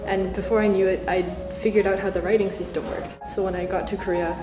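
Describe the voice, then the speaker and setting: A woman's voice: medium pitch, little pitch movement, a little fast. A teenage girl, a student competitor, casually telling a story in an interview. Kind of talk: interview answers. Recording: roomy sound with music underneath.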